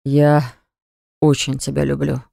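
A man's voice: a little high, fairly even intonation, a little fast, a little mellow, clear, resonant tone, dry recording, clean studio sound, natural voice. A man voicing a jealous young ex-fiancé who pleads earnestly to win her back, in an audiobook. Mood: pleading. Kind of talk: audiobook dialogue reading.

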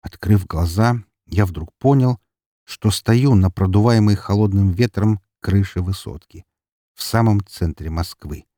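A man narrating an audiobook in a dramatic, expressive reading. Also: on the low side, measured pace, no room sound, clean studio sound.

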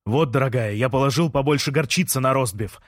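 A man's voice: mid-range voice, brisk, dry recording, clean studio sound, close to an everyday voice. A man voicing a fussy, anxious expectant father who frets and wails over his partner. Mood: coaxing. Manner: fretting, wailing, smothering.

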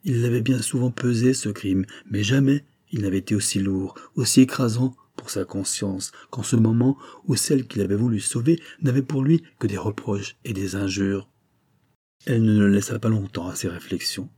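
A man narrating a classic novel as an audiobook, in a slow, measured reading style. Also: lowish voice, mellow, breathy edge.

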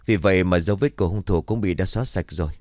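A man's voice: low-pitched, fast, no echo, close to an everyday voice. A man voicing a stern middle-aged village police officer who reports the facts in a formal, matter-of-fact way. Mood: grave, official.

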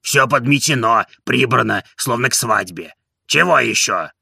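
A male reader voices an old manservant who grumbles low and slow, his gravelly, husky voice sour with grievance. Sulky and put-upon, he drags out each complaint, yet his tone stays bright and edgy beneath the rasp. The heavily acted performance is captured dry, at studio quality, in an aggrieved mood.

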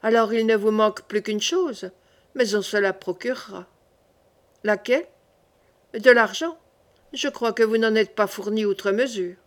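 A woman reading the part of a scheming older queen mother in an audiobook, measured and probing. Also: medium pitch, close to an everyday voice.

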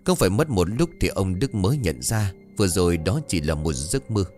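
A man narrating a horror story in an expressive, dramatic storytelling manner. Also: sits low, a little fast, soft background music.

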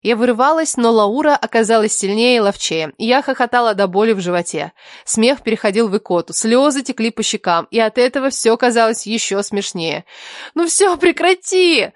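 A woman narrating a first-person story in an expressive, lively audiobook reading. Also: on the high side, brisk, no echo, studio quality.

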